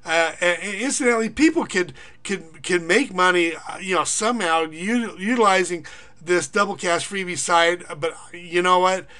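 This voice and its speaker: Walking viewers through a money-making scheme in a casual screen recording, a middle-aged online income marketer and teacher talks in a high, bright voice. His rambling is full of uhs, fillers, and restarts, and he reads off long lists of payment figures at speed.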